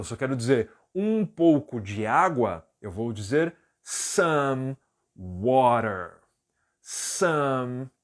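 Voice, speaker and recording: A Brazilian man from Brazil teaching English in Portuguese, patiently explaining and drawing out model words slowly. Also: mid-range voice. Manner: slow, drawn-out model pronunciations. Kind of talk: online English lesson.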